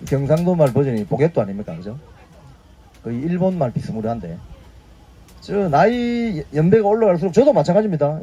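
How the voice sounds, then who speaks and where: Lively high-voiced man in his fifties. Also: breathy edge. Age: 50s. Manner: keeps prodding listeners with tag questions. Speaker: YouTube news briefing host. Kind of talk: casual spoken commentary.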